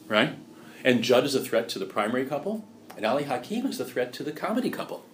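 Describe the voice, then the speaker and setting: A man giving a lecture, chatty and animated, often asking rhetorical questions and laughing at his own points. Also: mid-range voice. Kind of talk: lecture on musical theater history.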